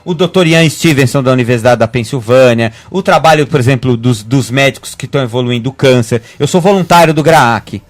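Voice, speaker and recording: A Brazilian man, a guest medium, talking fast in a rambling way with many restarts on a web radio show. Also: mid-range voice. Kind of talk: casual radio talk.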